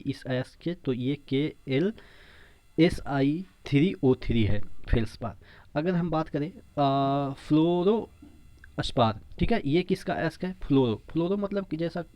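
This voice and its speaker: A man's voice: medium pitch, lo-fi sound. A man teaching an exam-prep science lesson, explaining step by step and repeating points with memory tricks and frequent check-ins.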